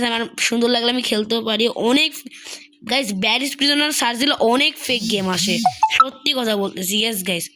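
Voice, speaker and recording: A woman giving excited gameplay commentary as a gaming YouTuber, repeating words in rapid bursts, with a slightly sore throat. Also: on the high side, a little hiss or hum.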